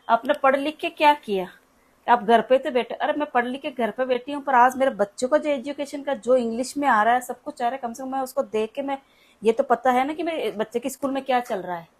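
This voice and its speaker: A woman's voice: a little high, a little mellow. A woman, tutoring at home in a patient, explanatory, chatty way. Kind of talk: casual home lesson.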